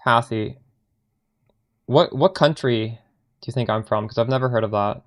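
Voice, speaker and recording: Here a Canadian man speaks at a normal speed with a medium-pitched voice and a Canadian accent. He's casually chatting during a live game stream, responding to chat questions while playing and frequently leaving sentences unfinished.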